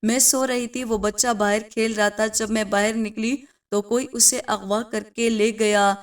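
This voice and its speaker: A cruel, scheming stepmother with a high, flat, harsh voice, as a woman narrator puts her on. Her lines come in a steady, threatening tone, recorded from some distance off the mic. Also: natural voice. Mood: fake grief.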